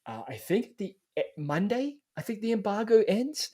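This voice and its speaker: A man's voice: sits high, very animated, moderate pace, dark tone. A man hosting a casual podcast chat, joking and swearing freely. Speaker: podcast host.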